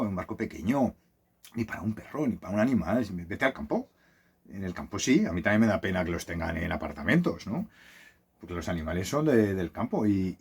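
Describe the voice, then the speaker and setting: A man's voice: mid-range voice, darkish tone, breathy edge. A man who lives on a sailboat tells a casual, rambling story with many restarts, recorded on a phone. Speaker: vlogger living on a sailboat. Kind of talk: casual monologue.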